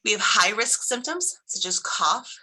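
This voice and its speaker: A woman's voice: mid-range voice, animated, measured pace, bright, forceful tone, husky, rough recording. A woman school principal giving an upbeat, informative presentation to parents, reading from slides with small restarts.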